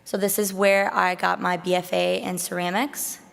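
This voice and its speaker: Hoarse, gravelly woman presenting. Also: fairly low pitch, level tone, moderate pace, a bit bright. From Alabama, USA. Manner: emotional, grateful, laughs nervously. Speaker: emerging artist presenter. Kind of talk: conference presentation. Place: large convention hall. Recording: long hall reverb.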